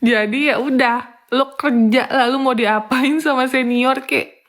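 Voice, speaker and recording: A woman's voice: sits high, a little slow, slight background noise. A woman telling viewers a story from her old job, acting out the lines people said. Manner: animated, acts out quoted dialogue. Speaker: content creator telling a work story.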